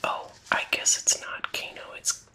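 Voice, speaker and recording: A woman doing an ASMR whispered role-play as a librarian, in a breathy, unvoiced library whisper, pausing between short phrases. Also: bright, forceful tone. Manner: slow, unhurried, with gaps between short phrases. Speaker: ASMR host playing a librarian at a book fair.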